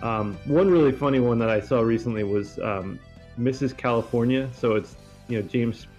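A man's voice: mid-range voice, moderate pace, a little mellow. A man co-hosting a casual podcast, laid-back and a little teasing. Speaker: podcast co-host. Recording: dull lo-fi, faint music behind.

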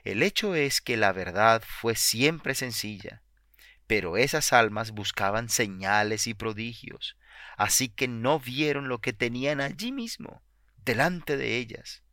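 A man narrating a devotional book in an earnest, measured reading. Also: mid-range voice, expressive, pushed and bright, no room sound, clean studio sound. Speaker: audiobook narrator.

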